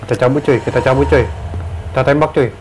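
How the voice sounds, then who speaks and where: A man's voice: mid-range voice, fairly even intonation, quick pace, noisy background. A young man gives casual, slangy commentary as a horror game streamer, jumpy and easily scared. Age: young adult.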